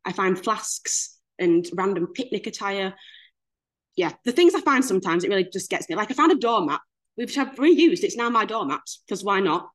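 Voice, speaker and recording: This mid-range female voice moves at a moderate pace, belonging to a Leeds woman in her 20s presenting as a guest speaker in a casual webinar over video call. Chatty and lively, she often pokes fun at herself.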